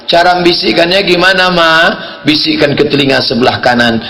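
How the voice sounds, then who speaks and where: A man with an Indonesian accent preaching a lively sermon, telling stories and acting out the people in them. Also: fairly quick, a little hiss or hum, low-quality recording. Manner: animated storytelling, acting out characters with sudden high-pitched cries. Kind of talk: lively sermon with acted dialogue.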